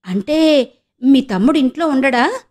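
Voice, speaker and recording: A woman's voice: sits high, lively intonation, unhurried, darkish tone, voice pushed up. A woman voicing a blunt young man who scolds and fires questions at a friend in an audiobook. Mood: scolding.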